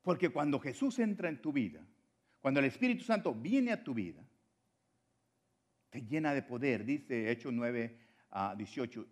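A man preaching a sermon, moving between loud exhortation and quiet, low drops.

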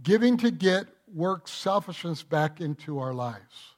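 Male pastor, slightly high voice, unhurried delivery, emphatic sermon with rhetorical questions. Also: very animated. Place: church.

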